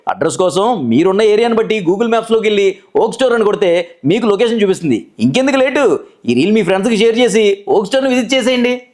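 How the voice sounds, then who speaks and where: Man playing a super pumped sale announcer, high and shouty-bright, pushing deals hard. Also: animated, quick pace. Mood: excited. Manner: exclaiming, hard-sell. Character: excited male shop-ad announcer, hard-selling.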